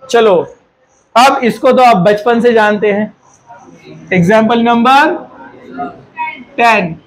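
A man's voice: very high-pitched, slow pace, poor audio. A man teaching a chemistry class in Hindi. He quizzes the students, scolds them and jokes with them. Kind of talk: classroom lecture.

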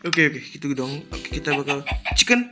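A young man from Indonesia giving casual, excitable gameplay commentary for his channel, chatty and quick to exclaim. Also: fairly high pitch. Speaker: gaming YouTuber. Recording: game music loud behind voice. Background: game music and sound effects.

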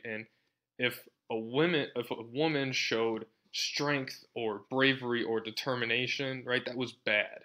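A man's voice: mid-range voice, bright, forceful tone. A man giving a university lecture in a conversational way, often checking in with "right?" and using a sarcastic tone. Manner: conversational, frequent tag question "right?".

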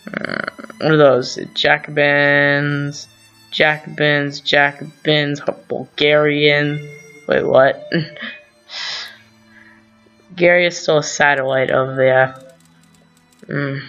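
A man's voice: a little high, flat delivery, slow, a bit bright. Man rambling through strategy game commentary. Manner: rambling, thinks aloud with fillers and self-corrections. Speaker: gaming channel host. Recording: dull lo-fi sound, faint music.

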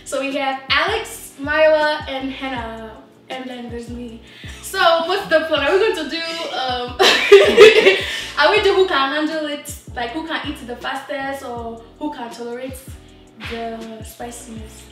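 High-voiced young woman hosting, echoey room. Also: normal speed. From Nigeria. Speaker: channel host. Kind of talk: casual group chat. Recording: echoey room, mic at a distance, music behind.

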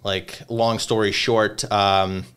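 A young man from Lithuania, talking casually as a podcast guest. His voice sits low and sounds clean and resonant. He rambles through his story with lots of fillers and restarts. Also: little pitch movement, takes it slowly, a bit bright, smooth. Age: 20s. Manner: rambling, hesitant, many fillers.

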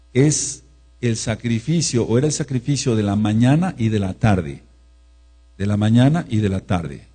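A man's voice: fairly low pitch, dark tone. A man preaching a sermon, emphatic, repeating phrases and leading the congregation to repeat after him. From Mexico.

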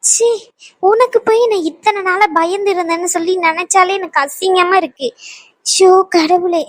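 A woman's voice: very high-pitched, moderate pace, no echo. A woman as a scornful young cartoon wife. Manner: mocking, contemptuous.

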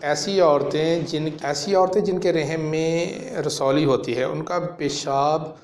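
A man in his thirties, a homeopathic practitioner, explaining a medicine to camera in a measured way with frequent fillers, in a small room. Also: fairly high pitch, steady tone, a little hiss or hum. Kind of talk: educational talk to camera. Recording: echoey room.

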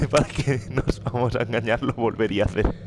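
A man's voice: medium pitch, brisk, very noisy. A young man with a Spain accent giving casual, slangy, sweary let's play commentary. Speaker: gamer. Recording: loud game music behind.

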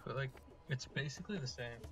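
A man's voice: medium pitch, brisk. A young man hosting a game playthrough with casual commentary. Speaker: gamer host of a let's play.

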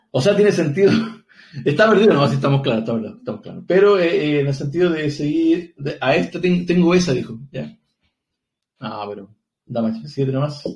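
Male streamer, chatty chess commentator, slightly high voice, thinks aloud and jokes. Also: darkish tone. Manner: chatty, joking, thinks aloud with short laughs. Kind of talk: live chess game analysis.

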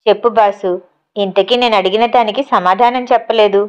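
A woman's voice: medium pitch, fairly even intonation, moderate pace, smooth, highs cut off, natural voice. Woman doing a timid bumbling village sidekick. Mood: timid pleading. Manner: pleading, timid.

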